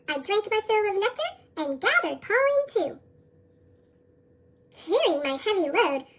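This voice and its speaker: Squeaky helium chipmunk storybook narrator. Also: a bit bright. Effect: pitched-up chipmunk voice effect. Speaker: children's picture book narrator. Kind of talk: scripted storybook narration, partly in rhyme.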